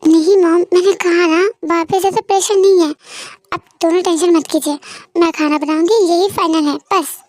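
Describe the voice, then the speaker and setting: A woman's voice: very high voice, steady tone, moderate pace, darkish tone, no room sound. A woman voicing a caring, dutiful young adult daughter who soothes and pleads with her worried parents in an amateur fan audio drama. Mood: reassuring.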